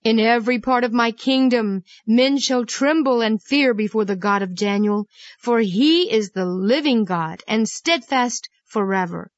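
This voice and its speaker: A woman's voice: fairly high pitch, measured pace, no echo, lightly acted. Solemn ancient king, put on by a woman storyteller, raised and pleading, dull dry recording. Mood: commanding. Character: grieving ancient male king, solemn and commanding.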